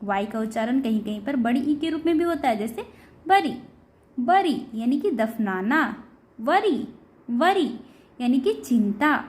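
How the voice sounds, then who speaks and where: A woman teaching a beginner English pronunciation lesson, addressing viewers as her dear children and drawing out each example word slowly. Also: fairly high pitch, animated. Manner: slow, drawn-out word-by-word explanation.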